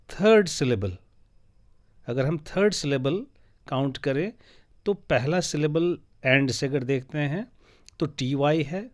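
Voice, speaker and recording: A man teaching English word stress, spelling out letters and syllables slowly and deliberately. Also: on the high side, dry recording, clean studio sound. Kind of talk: educational lesson, mixing Hindi and English.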